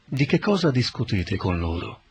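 A man reading the words of Jesus as a calm, authoritative teacher in a scripted Bible reading, solemn and measured. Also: on the low side, husky, exaggerated voice. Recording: dull lo-fi recording.

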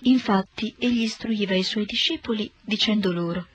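A woman narrating a scripted Bible reading in a steady, measured way. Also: mid-range voice, breathy edge, muffled recording.

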